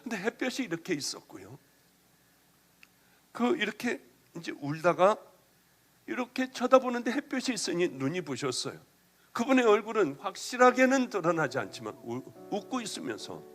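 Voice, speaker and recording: A middle-aged man preaches a personal testimony in a high, strongly rising and falling voice. He swings from loud, pressing lines to near-whispers. Soft music runs faintly beneath him. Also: sing-song, moderate pace. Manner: emotional storytelling, swings from loud to hushed. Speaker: pastor. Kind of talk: sermon testimony.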